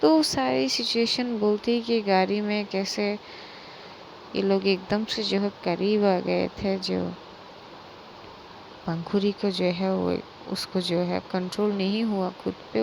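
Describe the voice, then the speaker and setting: A woman's voice: medium pitch, steady tone, slow pace, creaky, darkish tone, slight background noise, rough recording. A woman narrating a story in a casual, conversational retelling with many fillers.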